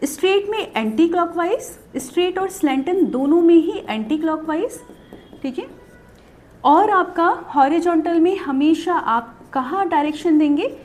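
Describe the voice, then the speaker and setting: Lively high-voiced woman teaching shorthand. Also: measured pace. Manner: explains step by step, asks questions then answers them. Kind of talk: video lesson.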